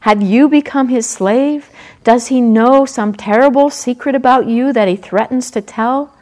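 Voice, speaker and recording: A woman voicing a hot-tempered, impatient male forest sprite in a storybook, talking loudly and demanding. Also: fairly high pitch, measured pace, close to an everyday voice. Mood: indignant. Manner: eager, loud, demanding.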